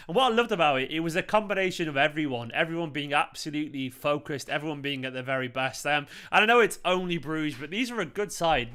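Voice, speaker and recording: A man from Manchester with a Mancunian accent, hosting a fan channel with an excited, emphatic football match reaction that repeats phrases for effect. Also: on the high side. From Manchester, England.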